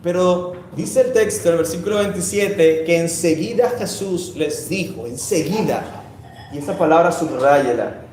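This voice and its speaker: A man preaching a sermon, building drama with rising pitch and volume for emphasis, then dropping to a hushed tone. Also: moderate pace. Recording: echoey room with faint noise.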